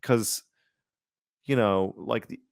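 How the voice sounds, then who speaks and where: A rambling podcast co-host with a fairly low, slow, creaky voice chats casually and informally about superhero films, using slang. The sound is close and dry, with no echo.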